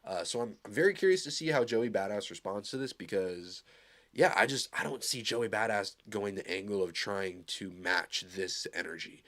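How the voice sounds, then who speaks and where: A man's voice: on the low side, animated, normal speed, fairly bright tone. A man from Arizona giving loose, rambling, upbeat commentary as he reacts to a new song. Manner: loose, rambling, filler-heavy, enthusiastic. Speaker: music reaction host. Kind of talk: casual live reaction commentary.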